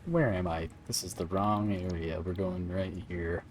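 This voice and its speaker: A man's voice: low voice, fairly even intonation, measured pace. A man streaming a video game, talking casually to viewers and thinking aloud with fillers and playful asides.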